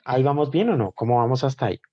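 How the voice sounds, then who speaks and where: A man's voice: mid-range voice, animated, racing, dark tone, dull audio. A man teaching math in a live online class. He explains step by step and keeps checking in with his students.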